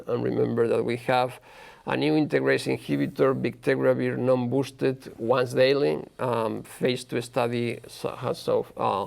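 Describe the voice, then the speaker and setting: A man presenting an expert conference review, halting often as he searches for words. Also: medium pitch, vocal fry, darkish tone.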